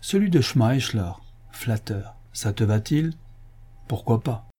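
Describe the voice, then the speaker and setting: A man voicing a pompous, quick-tempered official with a booming, scornful manner. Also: expressive, warm tone, slightly rough.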